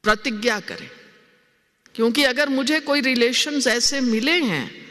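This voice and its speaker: A woman's voice: on the high side, measured pace, bright, forceful tone. A woman giving a spiritual discourse to a congregation. She asks the audience questions and then answers them herself. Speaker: spiritual teacher. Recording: hall with long reverb.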